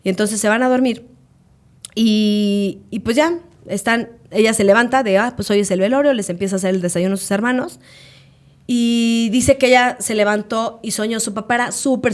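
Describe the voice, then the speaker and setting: In her late thirties, a Mexican woman co-hosting a podcast shares stories during a casual chat, her medium-pitched voice running a little fast. Animated throughout, she dramatizes the people she quotes by acting out their voices.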